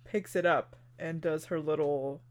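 A podcast co-host chats casually, retelling an anime episode step by step in a mid-range voice with a steady tone. The pace is a little slow, and the plot comes out steadily, padded with plenty of fillers like "like" and "you know".

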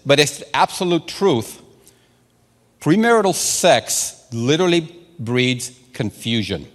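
A Mexican-born man, Spanish his first language, preaches a sermon to a congregation and tells stories, repeating words and restarting often. His voice is on the high side and fairly bright, with a long reverb tail.

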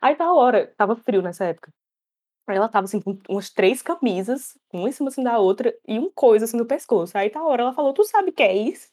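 A woman's voice: a little high, quick pace. A woman telling a funny story in casual chat, acting out the other people's voices. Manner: animated storytelling, acts out quoted voices, laughs often.

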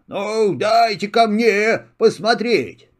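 An older man doing a gruff old lame hare. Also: high-pitched, animated, slow pace.

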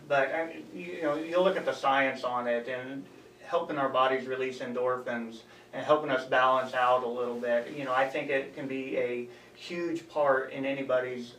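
Young male coach as interview guest: earnest and halting. Echoey room, slightly distant, faint noise. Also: medium pitch, fairly bright tone. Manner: earnest, halting, talks in short stretches. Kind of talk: interview answers. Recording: echoey room, voice a bit off-mic, faint background hum.

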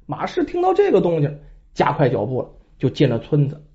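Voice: mid-range voice, a little fast. A storyteller narrating a bandit tale in a dramatic traditional style, with chatty asides to the listener. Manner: lively, dramatic, conversational asides. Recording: dull lo-fi recording.

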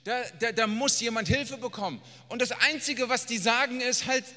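A man preaching a sermon, blunt and emphatic, swinging from quiet asides to near-shouting. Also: extremely high pitch, normal speed. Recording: long reverb of a large hall.

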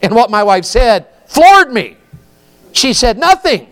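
A man's voice: sits high, big pitch swings, slow, a bit bright, clean tone. A man, preaching a folksy sermon and often asking the congregation questions. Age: 50s.

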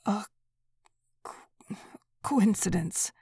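A woman voicing a frightened old husband in a whispered role-play, halting and trembling. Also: mid-range voice, warm tone, no room sound, studio quality, exaggerated voice. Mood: shaken. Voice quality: breathy whisper.

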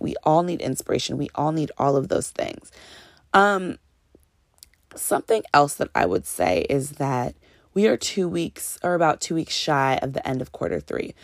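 A woman in her late twenties, a business consultant, hosts a solo motivational podcast, addressing listeners like family in an upbeat, preachy style. Her voice is low-pitched and creaky, swinging widely in pitch at a normal speed. The studio sound is clean, with no echo.

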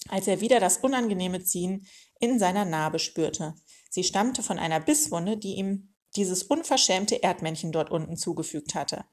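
Woman reading a children's story. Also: mid-range voice. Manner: lively expressive reading. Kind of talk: reading a children's book aloud.

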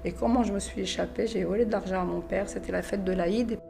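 A middle-aged woman from France recounting her own life story, acting out what others said and sometimes dropping to a hush. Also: mid-range voice, fairly even intonation, fast, creaky, over music. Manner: acts out quoted dialogue in her story, drops to hushed asides. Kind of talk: personal storytelling.

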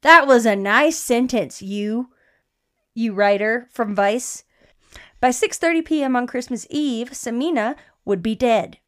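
Co-hosting a laid-back podcast, a young woman reads an article aloud in an unhurried, fairly bright voice on the high side. She stumbles over words while reading, swears, and laughs a lot.

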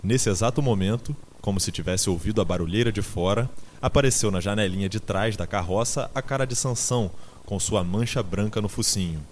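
A man narrating an audiobook in a measured, dramatic storytelling manner. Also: on the low side, a little hiss or hum.

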